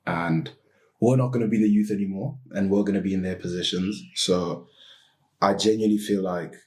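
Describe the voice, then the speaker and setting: Deep-voiced young man, measured. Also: fairly even intonation, a little mellow. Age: 20s. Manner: measured, careful, with pauses. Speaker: student panelist. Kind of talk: casual panel discussion.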